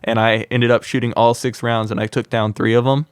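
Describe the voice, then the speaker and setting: Young man, podcast guest, smooth clear voice, dry close sound, casual storytelling. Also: medium pitch, fairly quick, no echo. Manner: lively anecdote telling with frequent "like" fillers. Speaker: podcast guest, wildlife content creator.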